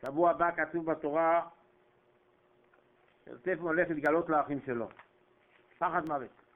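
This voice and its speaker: Male preacher, dramatic storyteller who acts out the voices, high register, thin phone-like sound. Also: steady tone. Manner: dramatic storytelling, acting out voices with sudden pitch jumps. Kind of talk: sermon. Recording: tinny phone-like recording.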